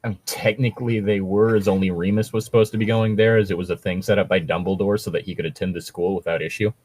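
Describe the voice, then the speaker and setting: Here a male co-host reads and discusses fan fiction in casual chat, his low voice steady in tone, quick, and a little mellow. The recording is dry, and his explanations ramble along with plenty of swearing.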